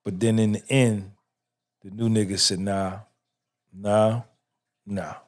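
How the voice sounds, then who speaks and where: A man's voice: fairly low pitch, flat delivery, takes it slowly, darkish tone. A middle-aged man hosting a podcast, giving an emphatic, swaggering motivational monologue full of repetition and cursing. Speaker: podcast host.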